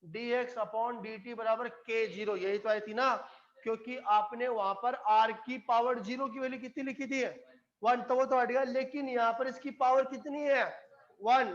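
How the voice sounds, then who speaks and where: A man's voice: very high-pitched, lo-fi sound. A man teaching chemistry to a live classroom, coaxing and often checking whether the students follow. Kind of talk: classroom lecture.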